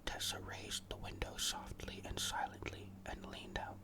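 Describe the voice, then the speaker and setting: A storyteller reads a ghost story as ASMR, never rising above a whisper. The delivery is hushed, deliberate and suspenseful, with no voiced tone at all, as scripted narration for close listening. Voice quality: fully unvoiced whisper.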